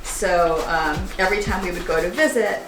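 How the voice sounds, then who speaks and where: Her voice sits on the low side and moves at a moderate pace as this middle-aged American home cook, partly from Hawaii, chats and explains during a cooking demonstration. The roomy indoor kitchen sounds echoey, with music playing in the background.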